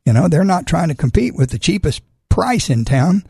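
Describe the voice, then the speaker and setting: A man's voice: fairly high pitch, very animated, moderate pace, creaky, darkish tone, breathy edge, dry recording, clean studio sound. A man talking casually about cars on radio as a garage-owner guest, in a folksy, plain-spoken way. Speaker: auto repair shop owner, radio guest. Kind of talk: casual radio talk about car repair.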